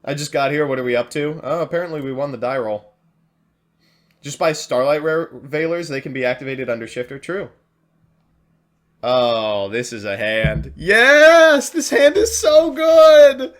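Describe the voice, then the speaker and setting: A man streaming a card game, chatting casually, reading chat aloud and getting excited. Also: mid-range voice, normal speed, pauses often. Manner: excitable, chatty, reads chat aloud and laughs at his own jokes. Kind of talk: casual live-stream commentary while playing a card game.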